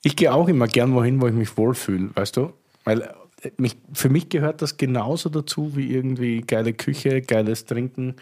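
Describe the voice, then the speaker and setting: A chatty man hosting a wine podcast, loose and casual in conversation. His voice sits at a middling pitch, and he talks warmly and effusively about the people he likes. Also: normal speed. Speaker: podcast host. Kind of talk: casual chat.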